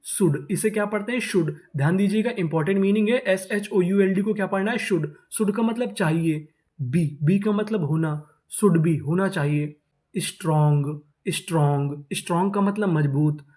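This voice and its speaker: A man's voice: high-pitched, a little mellow. A man teaching English reading, spelling words out letter by letter and then repeating them. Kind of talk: spelling-out phonics lesson.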